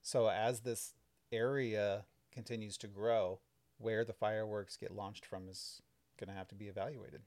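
A man's voice: on the low side, level tone, moderate pace, a little mellow, no room sound. A man hosting a casual podcast from home, recapping village board business in an explanatory, chatty way with many fillers. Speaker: village trustee and podcast host. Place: home, kids and cats in the house.

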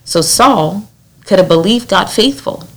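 A woman's voice: medium pitch, expressive, unhurried. A woman leading a Bible study in an earnest, exhorting way, acting out the lines she quotes. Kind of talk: conversational Bible teaching.

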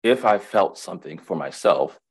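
A man with a low, gravelly, husky voice and lively intonation speaks at a moderate pace as a counselor and guest in a casual webinar. Thoughtful and reflective, he frequently restarts and repeats phrases.

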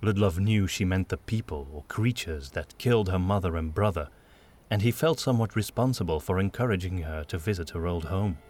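A man's voice: deep voice, darkish tone. Man narrating a fantasy audiobook. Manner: measured storytelling, doing all the voices.

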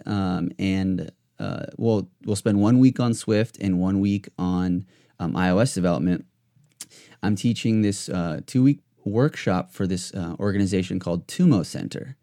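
An American podcast host chats casually in a loose, rambling style, full of fillers and restarts. His voice is lowish, warm, and unhurried.

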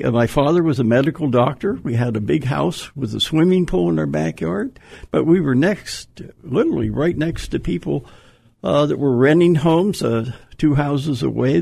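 Older guy, super gravelly husky voice, rambling and chuckling, dry close sound. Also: a little high, a little mellow, dry recording. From Pennsylvania, USA. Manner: rambling, self-interrupting, chuckles often. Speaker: guest. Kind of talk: conversational radio interview.

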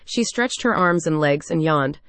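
A woman's voice: sits low, animated, moderate pace, fairly bright tone, no room sound. Woman reading a children's story. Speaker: narrator. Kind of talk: scripted children's story narration.

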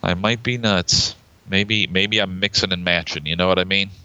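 A man with a very low, forceful voice talks through a film scene in a loose, rambling way, full of fillers and restarts. The sound is dry and close, with a slightly dull, muffled quality. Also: steady tone, moderate pace, clear, resonant tone, no echo. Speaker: podcast co-host. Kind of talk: casual film discussion.

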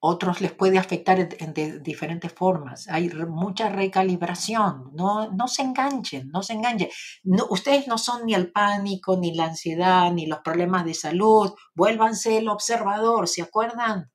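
A woman with an Argentine accent answers viewers in a casual live-stream Q&A. Her voice is slightly husky and breathy, and her pitch sits in a middle range. She reassures her audience and keeps checking in with a quick "ok?". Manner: reassuring, tags sentences with "¿ok?". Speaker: spiritual teacher hosting a live stream.

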